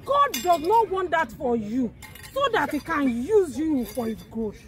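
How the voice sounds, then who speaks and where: A woman's voice: high voice, sing-song, a little slow. A woman with a West African accent playing an earnest, instructing evangelist in a comedy drama. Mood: earnest, preaching. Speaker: actor in a comedy series.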